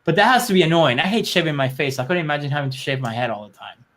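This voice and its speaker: A man's voice: fairly high pitch, expressive, very fast, fairly bright tone, slight background noise. A man co-hosting a show in casual chat, rambling and opinionated, with loose, sweary phrasing. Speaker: show co-host.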